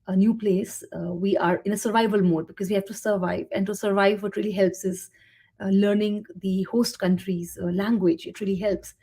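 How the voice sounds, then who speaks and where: Her voice is medium in pitch, mellow and husky; she's a middle-aged guest writer and translator from India with Hindi as her first language. In relaxed interview replies she pauses thoughtfully, halts, and restarts, with plenty of fillers.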